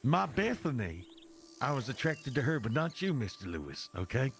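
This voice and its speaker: A man's voice: mid-range voice, very animated, normal speed, creaky, a little hiss or hum. A man voicing a folksy, foul-mouthed cowboy peacemaker who rambles and repeats himself in an improvised western role-play. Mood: friendly, earnest.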